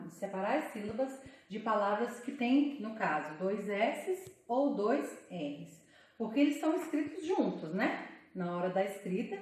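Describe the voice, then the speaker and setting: A woman teaching a Portuguese lesson for children, sounding out words slowly syllable by syllable. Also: on the high side, a little mellow, very echoey, far from the mic. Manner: slow, syllable-by-syllable explaining.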